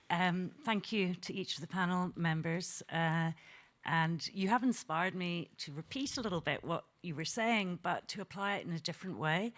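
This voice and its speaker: A woman from Belfast, giving measured conference remarks from the floor, with frequent ums and uhs. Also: on the low side. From Belfast, Northern Ireland. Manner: measured, with frequent 'um' and 'uh' fillers. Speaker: head of a human rights network, speaking from the floor.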